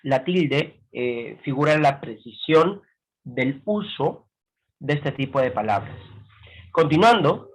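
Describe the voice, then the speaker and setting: A man teaching a grammar lesson, explaining slowly and checking in with frequent rhetorical questions. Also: medium pitch, lively intonation, rough recording. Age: adult with a grown son.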